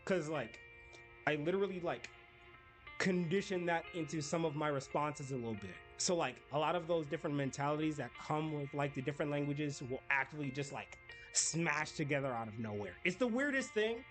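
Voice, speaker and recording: Chatting loosely with viewers as he plays, this English-speaking streamer talks briskly in a slightly high voice with a fairly bright tone. Soft music plays underneath.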